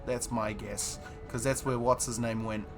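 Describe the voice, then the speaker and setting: A man's voice: mid-range voice, steady tone, measured pace, soft background music. A man streaming a game, chatting casually and thinking aloud with frequent laughter. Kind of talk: casual live gameplay chat.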